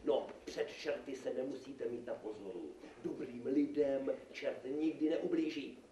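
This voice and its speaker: A man's voice: mid-range voice, warm tone, slight background noise, lightly acted. A man playing a jovial male devil who lectures people at a live puppet theater show, chuckling and playful. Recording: echoey room, from far off.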